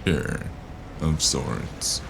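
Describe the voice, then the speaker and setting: A man playing a weary, sardonic noir gun-for-hire in an audio drama, with a gravelly voice and dry, clipped delivery. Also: drawn-out words, noisy background, exaggerated voice. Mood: dry, guarded. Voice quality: gravelly, very low. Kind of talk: noir detective audio drama with hardboiled narration.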